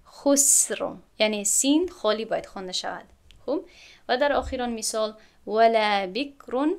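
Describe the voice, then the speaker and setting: A woman with a Tajik accent teaching Quran recitation rules step by step, asking rhetorical questions and slowly chanting the example words. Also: medium pitch. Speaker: tajwid teacher.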